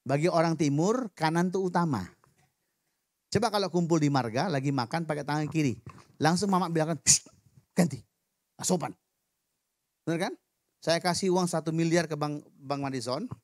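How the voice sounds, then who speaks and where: A man preaching a sermon in a church, lively and joking with the congregation. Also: a little high, normal speed, pauses often, no room sound, clean studio sound. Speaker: pastor. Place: church hall.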